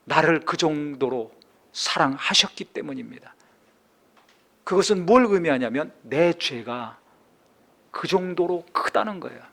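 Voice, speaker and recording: Impassioned Korean pastor, high and lively. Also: male voice, measured pace, gravelly, long pauses. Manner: impassioned preaching, rising to near-shouts at climaxes. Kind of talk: sermon.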